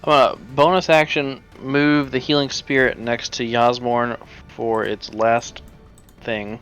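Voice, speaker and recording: A man speaks at a slow, unhurried pace as a player in a tabletop game. His talk is casual, with light music underneath. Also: mid-range voice, level tone, fairly bright tone.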